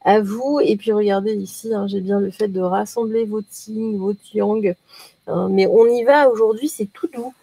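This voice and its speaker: A woman's voice: medium pitch, steady tone, normal speed, gravelly, dark tone, slightly rough. A woman giving a casual daily oracle card reading, chatty and playful, often hesitating as she talks.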